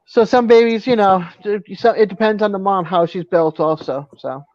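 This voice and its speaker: A man telling a story on a casual live chat, animated and laughing often. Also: sits high, moderate pace. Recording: dry, dull lo-fi sound.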